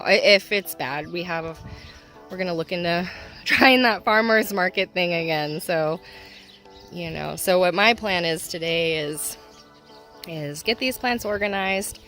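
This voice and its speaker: A woman's voice: on the low side, a bit bright. A woman chatting casually in a home vlog, emotional and laughing often as she rambles about her nursery. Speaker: homestead nursery owner.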